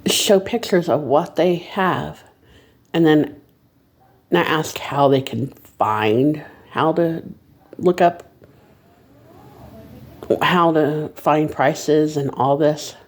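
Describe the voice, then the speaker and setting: Nervous, slow, halting rambler. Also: mid-range voice. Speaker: reseller making a first video. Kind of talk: casual vlog monologue.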